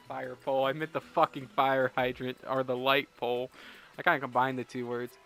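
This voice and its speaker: Bright-voiced young man rambling over gameplay. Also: medium pitch. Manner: casual, profane, rambling storytelling. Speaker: gaming video host. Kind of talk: let's play commentary.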